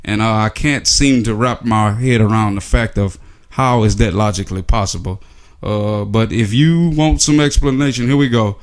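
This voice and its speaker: A man's voice: on the low side, normal speed, clean tone. A man delivering a casual, sarcastic opinion monologue, full of rhetorical questions and filler words. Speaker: sports commentary vlogger.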